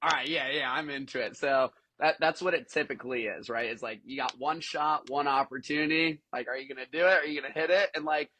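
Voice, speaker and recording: A man who coaches tumbling, talking in a casual, animated, upbeat way with lots of filler words. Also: on the high side, fairly quick, hardly any pauses, a little hiss or hum. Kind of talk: casual interview chat.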